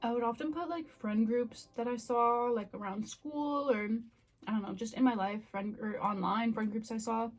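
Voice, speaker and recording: A woman's voice: a little high, normal speed. A woman in her twenties chatting casually and candidly to the camera in a self-reflective, confessional way. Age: 20s. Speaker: vlogger.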